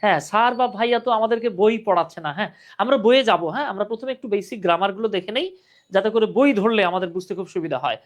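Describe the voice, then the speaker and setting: A man's voice: high voice, racing, muffled recording. Man, online english teacher, word-by-word explaining, questions to kids. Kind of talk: live online grammar lesson.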